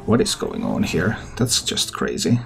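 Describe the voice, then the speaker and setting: Male gaming host, low and creaky, very varied intonation, casual think-aloud play commentary. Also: wildly swooping pitch, measured pace, fairly bright tone. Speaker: gaming content creator and host. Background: background music.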